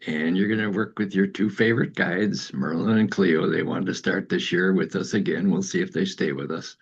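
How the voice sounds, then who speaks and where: Low, gravelly man introducing casually. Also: fairly even intonation, normal speed, dull audio. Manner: informal, conversational. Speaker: co-host, numerologist.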